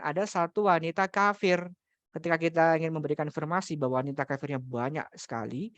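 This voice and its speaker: A man's voice: on the high side, fairly bright tone, dry recording. Male ustadz, patient classroom explainer, close dry mic. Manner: explains step by step, repeats key terms, asks rhetorical questions. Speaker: Arabic grammar teacher. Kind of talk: religious study class lecture.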